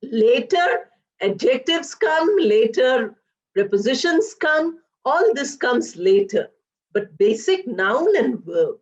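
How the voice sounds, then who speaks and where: A woman English professor gives a slow, deliberate academic lecture in a somewhat high voice. She builds ideas step by step with simple examples, stretching single words for emphasis. The audio is dull and lo-fi, like an online class picked up through a computer mic.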